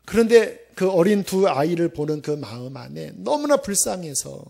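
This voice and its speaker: Guy preaching, high voice, acts out the prayers as he tells the story. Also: big pitch swings, moderate pace, vocal fry, warm tone, breathy edge. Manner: emotional retelling, acting out prayers and quotes. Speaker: pastor. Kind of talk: sermon storytelling.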